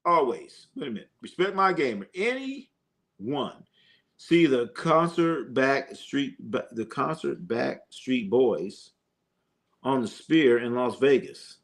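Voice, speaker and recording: A man hosts a live sports stream, reading comments and chatting loosely with viewers and a co-host. His mid-range voice is sing-song and slow, full of jokes, slang and fillers.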